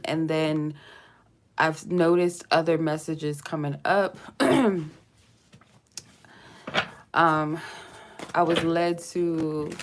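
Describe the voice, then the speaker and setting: A woman with a deep voice gives a casual tarot reading to camera, over a faint hiss or hum. She rambles in a chatty, lightly joking way. Her cold leaves her sounding stuffy.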